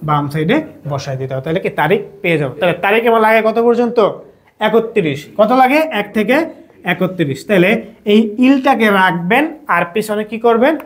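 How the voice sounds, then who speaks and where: A man's voice: sits high, animated, brisk. A young man with a Bangladeshi Bengali accent teaching a lesson, asking questions and answering them himself in a call-and-response style. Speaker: language teacher.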